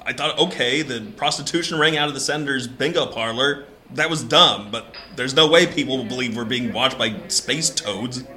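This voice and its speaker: An actor playing a fearmongering talk radio host who booms on air and grumbles off air. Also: male voice, normal speed, hardly any pauses, sharp tone. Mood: grumbling.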